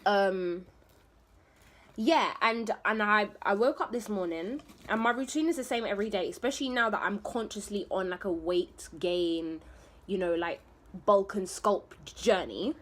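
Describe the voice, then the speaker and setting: In a casual vlog, a woman with a mid-range voice speaks at a measured pace, chatting candidly into her phone camera in her bedroom. She rambles and keeps talking while she eats.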